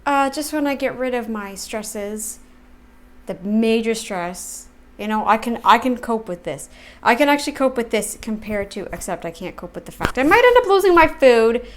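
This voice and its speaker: A woman hosting a reaction video with casual, rambling commentary, repeating words for emphasis. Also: a little high.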